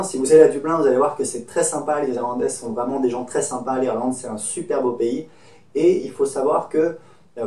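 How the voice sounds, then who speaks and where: A chatty man from France in his thirties, talking casually to camera with a warm, mellow tone. His voice carries the echo of a bare room, picked up by a mic set some distance away. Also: mid-range voice. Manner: chatty, friendly, speaks from personal experience. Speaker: host giving travel advice. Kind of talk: casual advice talk to camera.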